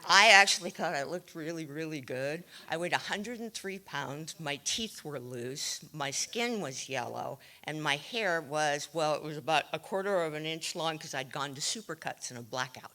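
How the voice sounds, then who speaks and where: A woman telling her own recovery story to a meeting, wry and self-deprecating, with frequent pauses and ums. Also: deep voice, expressive, sharp tone. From California. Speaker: AA speaker sharing her story. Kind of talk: recovery share, candid storytelling.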